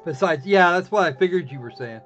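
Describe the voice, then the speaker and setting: Here a man streams a visual novel, his high, slightly bright voice moving a little fast with lively intonation. He's casual and sarcastic, often beginning sentences again, heard through a dull lo-fi mic over faint game music in this livestream commentary.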